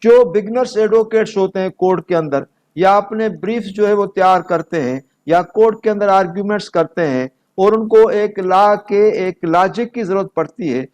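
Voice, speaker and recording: Speaking at a moderate pace with few pauses, a man with a high, darkish voice and Pakistani accent gives a methodical law lecture. He explains concepts, reads from notes, and moves between two languages.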